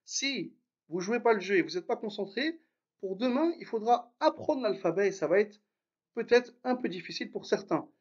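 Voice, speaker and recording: A man's voice: high-pitched, lively intonation, moderate pace, husky, lo-fi sound. A man teaching a live online lesson, patiently repeating each point and checking that his students follow. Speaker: language teacher.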